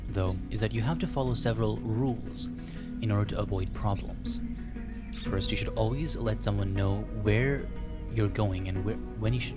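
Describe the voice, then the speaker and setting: A let's play host with a voice on the low side reads a visual novel aloud, tossing in dry, self-deprecating casual comments. His throat is slightly scratchy, so he clears it frequently, and music plays behind his voice.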